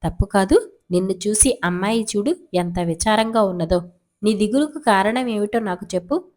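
A woman's voice: medium pitch, lively intonation, normal speed, darkish tone, close to an everyday voice. A woman voicing a confident, motherly old nursemaid who coaxes and scolds. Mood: coaxing.

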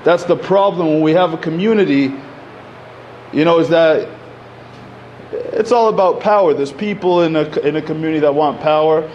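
A man's voice: a little high, moderate pace, a little mellow, lo-fi sound, a little hiss or hum. Man speaking off the cuff at a podium. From Egypt. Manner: conversational, many fillers and restarts. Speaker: panel speaker. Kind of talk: public talk at a podium. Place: community center hall, indoors. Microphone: podium microphone.

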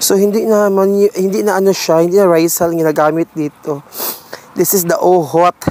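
A man's voice: high-pitched, little pitch movement, fairly quick, a little mellow, a little hiss or hum. A man gives a casual, rambling tour of his home garden and keeps calling his viewers darling. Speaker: gardening vlogger. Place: home garden, partly outdoors.

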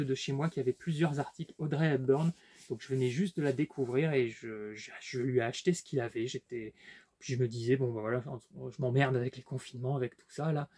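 A man with a dark, medium-pitched voice casually shows off his book collection in an unboxing-style vlog. He sounds hesitant, with lots of fillers and restarts.

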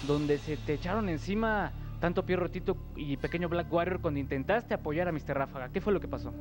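A man's voice: a little high, brisk. A young Mexican man working as a wrestling commentator and interviewer on lucha libre. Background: loud music.

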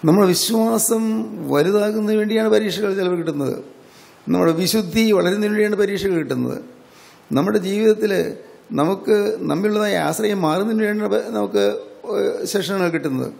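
A man's voice: high-pitched, brisk, vocal fry, long pauses, darkish tone, long reverb tail. An older man with a Malayali accent preaching an earnest sermon, repeating phrases and breaking into prayer.

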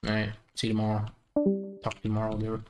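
A man chatting casually while playing a multiplayer game, relaxed and bantering. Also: on the low side, very fast, loud music behind the voice. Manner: laid-back banter, laughs a lot. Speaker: gamer. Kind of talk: casual multiplayer gameplay chat.

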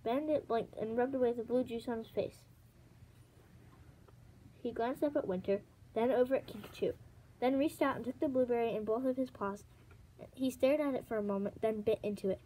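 A woman reading a children's fantasy novel aloud as an amateur audiobook, in a steady storytelling manner. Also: fairly high pitch, normal speed, slight background noise, low-quality recording. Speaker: audiobook reader.

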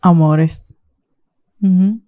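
A young woman speaks with a Dominican accent in a relaxed, animated way. She talks as a guest in an interview, lively and given to acting out the voices of people she quotes. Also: lowish voice, drawn-out words, narrow, tinny audio. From Dominican Republic. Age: young adult. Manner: animated, acts out quoted voices, laughs often. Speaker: guest YouTuber. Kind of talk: casual interview talk.

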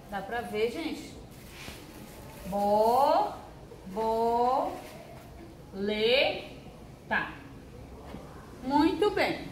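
A woman teaching a first-grade handwriting lesson with a Brazilian Portuguese accent, drilling syllables in a slow, sing-song way and stretching out words. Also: sits high. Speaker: primary school teacher. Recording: echoey room with faint hiss.

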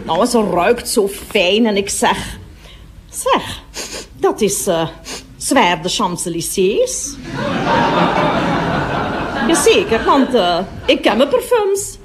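A woman's voice: mid-range voice, very animated, takes it slowly, long pauses, heavy background noise. An actress playing a gossipy middle-aged woman toilet attendant in a radio comedy monologue, chattering on and breaking off to speak to customers.

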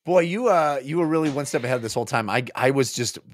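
Speaking animatedly and quickly at medium pitch, a man in his forties chats casually as co-host of a book club podcast. He makes jokey, hesitant asides into a close boom-arm desk mic, recording indoors in a small home office.

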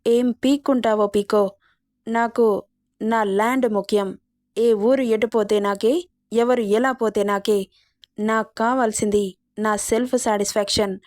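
A woman voicing an arrogant, domineering young male boss in a romance story, with mocking, fast retorts. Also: on the high side, steady tone, a little mellow, no room sound, clean studio sound, close to an everyday voice.

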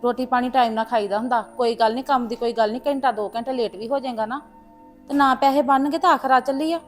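A woman's voice: a little high, fairly even intonation, fast, faint music behind, lightly acted. A woman playing a mother who gives her son motherly advice over the phone in a web series drama. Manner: motherly, advising.

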